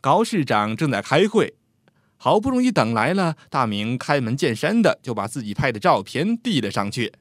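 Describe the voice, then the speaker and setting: A man narrating a scripted story with an expressive, lively delivery. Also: medium pitch, normal speed, no echo, studio quality.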